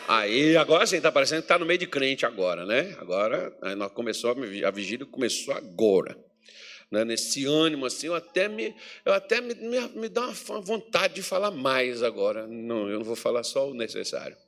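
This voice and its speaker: A Brazilian man preaching a sermon as pastor in a church hall, chatty and joking with the congregation. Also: fairly quick. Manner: jokey, chatty preaching with lively pitch swings.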